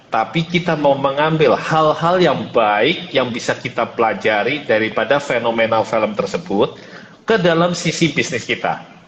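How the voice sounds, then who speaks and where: A man's voice: mid-range voice, a bit bright. Male mentor, motivational, earnest, cathedral echo, long reverb, faint hiss. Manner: greets joiners by name, earnest and preachy. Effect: heavy cathedral-like echo. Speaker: host and business mentor. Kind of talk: motivational online mentoring talk. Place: closed room.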